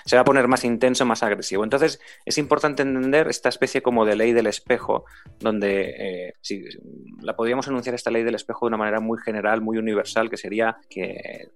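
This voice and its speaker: A middle-aged man talks through communication principles in a measured teaching voice. He asks his co-host questions along the way. Faint music plays behind him. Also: mid-range voice, steady tone. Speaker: communication trainer. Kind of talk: explanatory talk.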